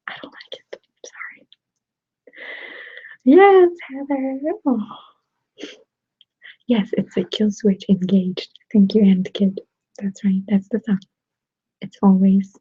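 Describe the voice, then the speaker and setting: In a whispered ASMR live chat, a Russian-accented woman with a breathy, mid-range voice giggles and softly replies to comments from viewers. She runs the channel and records on a desktop USB mic, producing a dull, dry, close-miked sound.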